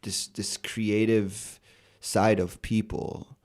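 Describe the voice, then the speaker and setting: A young American man, a rapper and poet, talking in a relaxed, thoughtful way with many fillers and restarts in a podcast interview. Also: lowish voice, slow. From United States.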